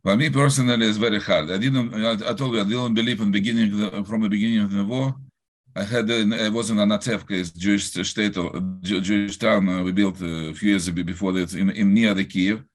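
Older rabbi, Russian accent, low-pitched and hesitant, restarts often while answering an interviewer. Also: male voice, steady tone. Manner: halting, searching for words, many restarts.

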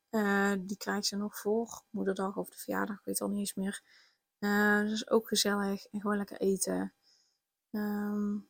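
A woman's voice: medium pitch, a little mellow, no echo. A pregnant young woman, hosting a casual solo podcast, rambling with many fillers and restarts. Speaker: podcast host.

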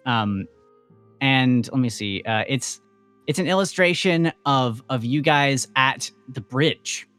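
A man's voice: mid-range voice, lively intonation, takes it slowly, a bit bright, clear, resonant tone, dry recording, soft background music. A man running a tabletop game as game master, narrating casually with many fillers and restarts.

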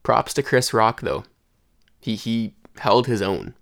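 Congested man, deep dry voice. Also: slow, creaky, fairly bright tone, no echo. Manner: rambling, conversational, with restarts. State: congested throat and head. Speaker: podcast host. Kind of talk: casual solo monologue.

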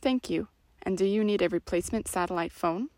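Female actor as courteous call center agent, mid-pitched, dry close sound. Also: fairly quick, a little mellow, no echo, close to an everyday voice. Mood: polite. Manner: polite, scripted customer-service tone. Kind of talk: audiobook drama reading.

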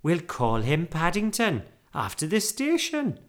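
A man's voice: a little high, wildly swooping pitch, a little slow, voice pushed up. A man voicing a kindly, decisive mother in a children's storybook, emphatic and organising. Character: kindly, decisive, motherly middle-class woman.

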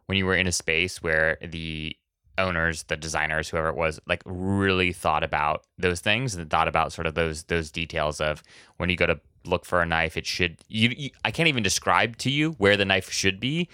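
Deep, crisp-voiced male podcast host. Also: fairly even intonation, moderate pace, pushed and bright, no echo, studio quality. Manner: rambling questions full of "like" fillers. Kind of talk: casual interview.

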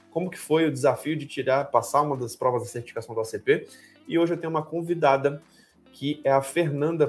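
A man's voice: medium pitch, a little mellow. Upbeat podcast host man. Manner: upbeat, with frequent "que legal" and "show de bola". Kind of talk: casual interview chat.

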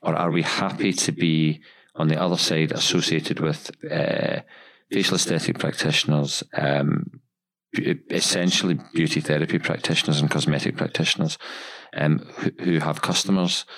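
A man's voice: extremely low pitch, moderate pace, gravelly, a bit bright. A man hosting a podcast, talking about running a practice in long, emphatic runs with many repeated words. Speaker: podcast host, dental practice owner. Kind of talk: casual podcast discussion.

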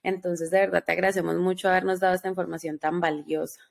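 Gravelly-voiced woman podcast host. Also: on the low side, little pitch movement, quick pace. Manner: chatty, warm thanks, conversational. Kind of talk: casual podcast conversation.

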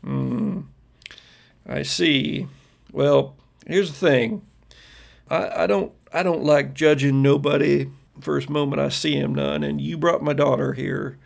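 Man doing a gruff small-town sheriff. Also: fairly high pitch, steady tone, slow pace, full character voice. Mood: stern. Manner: folksy, stern, drawling. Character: big gruff small-town 1950s sheriff, protective father.

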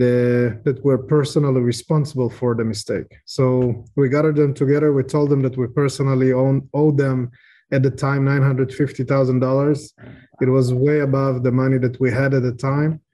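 A man in his thirties from Ukraine, raised in Israel, telling his story as a podcast guest in a measured way with frequent pauses. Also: mid-range voice, dark tone. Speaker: real estate investor guest. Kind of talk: podcast interview.

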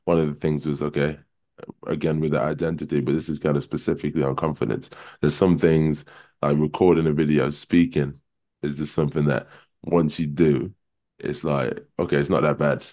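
On a laid-back podcast, a guest with an unusually deep, low voice speaks at a moderate pace, relaxed and meandering. He works his way through his ideas at length, peppering them with "kinda" and "you know."

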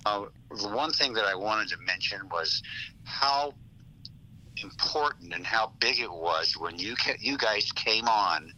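A very deep male voice coming through a phone on speakerphone, with a sharp, bright edge to it. He is a caller speaking earnestly, stopping and restarting his sentences. A faint noise sits under the line. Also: animated, poor audio. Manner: earnest, halting with many restarts. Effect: heard over a phone on speakerphone. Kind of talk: casual call-in chat.

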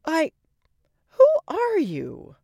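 A woman's voice: huge pitch swings, extremely slow, creaky, warm tone, no room sound, clean studio sound, full character voice. A woman voicing Cinderella, a naive and eager young woman who sounds sweetly dim. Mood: flustered. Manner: high, wide-eyed and sweetly dim.

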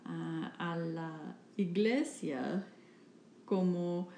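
In an echoey room with faint background noise, a woman with a fairly low, creaky, dark voice reads a Spanish interpretation of a church talk. She hosts a podcast and works as an interpreter, and her delivery is very slow, halting and hesitant, full of restarts.

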